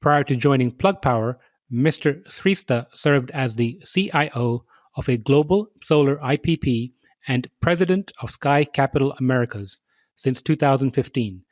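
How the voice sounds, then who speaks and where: A man hosting a podcast interview, reading measured, scripted introductions and asking questions. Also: mid-range voice, expressive, no room sound, studio quality. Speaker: podcast host.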